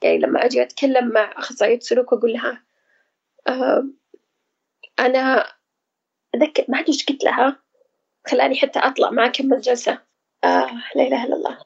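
A woman, speaking as an interview guest about her own experience, pausing often to search for words. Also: high voice, steady tone, vocal fry, breathy edge, lo-fi sound. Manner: hesitant, searching for words, reflective. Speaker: guest sharing personal experience. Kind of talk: casual conversational interview.

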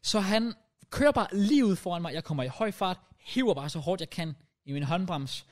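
A young man on a podcast, telling a story in lively casual chat and dropping English slang into his speech. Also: high-pitched. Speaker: podcast co-host.

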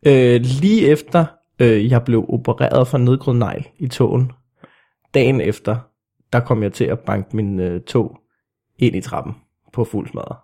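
A young man chatting casually as a guest, halting and restarting often, with bursts of mock outrage. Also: mid-range voice, warm tone. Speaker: podcast guest. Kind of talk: casual chat.

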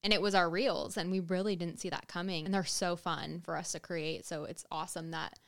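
Smooth, low-voiced woman podcast co-host. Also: steady tone, brisk. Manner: chatty and teasing. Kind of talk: casual chat.

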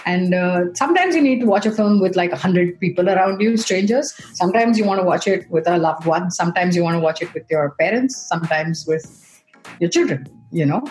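A woman's voice: fairly low pitch, expressive, a little fast, a little mellow, faint music behind, low-quality recording. A middle-aged woman with an Indian accent speaking conversationally on a panel, explaining at length and checking in with short tag questions. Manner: rambling, explanatory, checks in with "right?" and "you know". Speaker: streaming executive on a panel.

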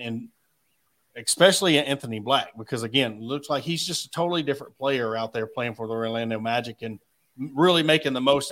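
Male sports host, mid-pitched, folksy and conversational delivery. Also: fairly bright tone. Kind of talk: casual sports talk.

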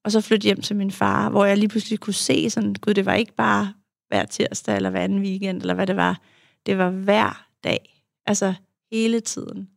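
A woman's voice: mid-range voice, flat delivery, vocal fry, dry recording, clean studio sound. A young woman, a podcast guest and youth therapist, telling her story candidly and reflectively, with many fillers. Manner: frank, reflective, with frequent fillers. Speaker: guest, adult child of an alcoholic.

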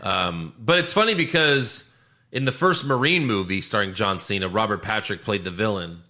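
A man's voice: fairly low pitch, expressive, sharp tone. A man co-hosting a podcast, casually recapping TV episodes and laughing often. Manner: recaps scenes with quick acted quotes, laughing often. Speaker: podcast co-host. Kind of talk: casual chat reviewing TV episodes.

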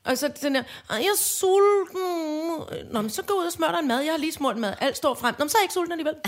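A woman co-hosting a casual chat podcast, an animated storyteller who acts out voices, laughs often and hesitates a lot. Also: high voice. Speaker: podcast co-host.

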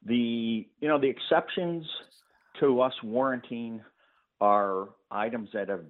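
A man guest on a call-in show explaining his painting business in a relaxed way, with frequent fillers and easy laughs. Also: mid-range voice, slow pace. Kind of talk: phone-in interview. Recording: tinny phone line.

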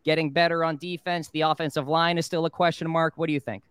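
A man hosting a sports betting talk show, reading out odds and moving briskly from one segment to the next. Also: on the high side, level tone, a bit bright, clear, resonant tone, dry recording. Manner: brisk, moves the segments along.

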